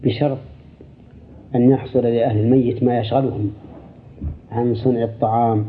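An older male scholar answers listener questions at a steady, deliberate pace, now and then restarting a phrase. His voice sits in a middle register and comes through a thin, tinny radio signal. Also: medium pitch, slight background noise.

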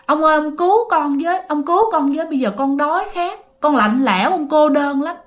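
A woman's voice: sits high, brisk, pitched above the performer's own voice, lightly acted. Woman voicing a pleading young ghost girl. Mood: begging. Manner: tearful, begging, repetitive.

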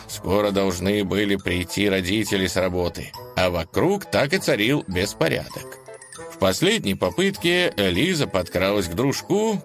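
A man reads a children's storybook with an expressive, lively delivery. His voice sits on the low side but moves around a lot in pitch. Faint background music plays under his narration.

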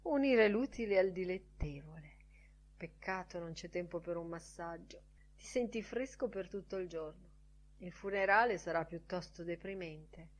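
A woman reading a literary audiobook aloud in a musing, expressive way. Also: on the low side, normal speed. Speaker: audiobook reader.

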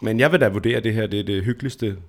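A man co-hosting a podcast from his living room, chatting casually with dry, teasing replies. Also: on the low side. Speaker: podcast co-host. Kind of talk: casual chat.

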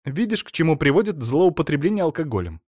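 A man's voice: fairly high pitch, big pitch swings, fast, a little mellow, husky, dry recording, voice pushed up. A capricious young wife with a raised, coaxing voice, put on by a male reader. She bosses her husband sweetly and firmly. Dry, close recording. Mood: bossy. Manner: coaxing, bossy. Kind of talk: audiobook character reading.

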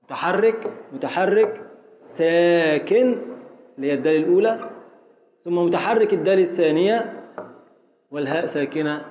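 A man with an Egyptian accent teaching a classroom lesson on Arabic poetic meter, explaining slowly and repeating syllables as he calls on students. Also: high-pitched, animated, a little mellow. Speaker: teacher of Arabic grammar and prosody. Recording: echoey classroom with faint noise.

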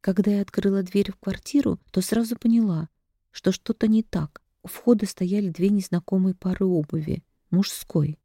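A woman narrating a dramatic first-person story, her delivery reaching high for shouted lines. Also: fairly even intonation, normal speed, no echo, clean studio sound. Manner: dramatic reading, voices rise for shouted quotes.

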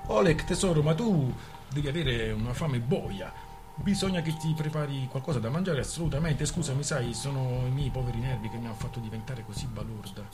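A man's voice: mid-range voice, a little fast, natural voice. A man voicing a fickle young woman who pleads and coaxes, with music behind him. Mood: coaxing.

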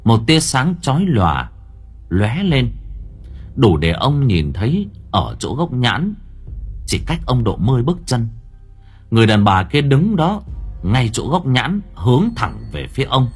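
A man's voice: mid-range voice, big pitch swings, a little slow, husky, soft background music. A man reading a horror story aloud as an audiobook narrator, with dramatic, suspenseful delivery.

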